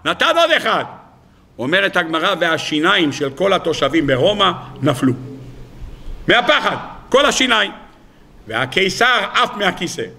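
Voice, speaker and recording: A man preaching a Torah sermon as a rabbi, telling the story with animated rhetorical questions. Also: high voice, vocal fry. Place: lecture hall.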